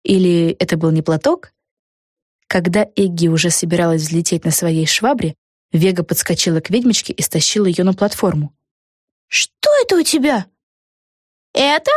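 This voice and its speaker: A woman narrating a children's storybook in clear, expressive storytelling. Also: lowish voice, normal speed, no echo, clean studio sound. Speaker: audiobook narrator.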